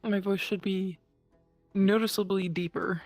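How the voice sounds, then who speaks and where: Voice changer, casual chat, guest in a stream, mid-range pitch. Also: fairly even intonation, unhurried, a little mellow, soft background music.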